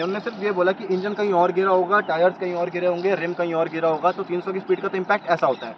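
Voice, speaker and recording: Fast-talking young man arguing his case. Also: sits high. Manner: argumentative, makes points in a row. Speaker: vlogger. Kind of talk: commentary vlog. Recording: slightly dull lo-fi sound with faint noise.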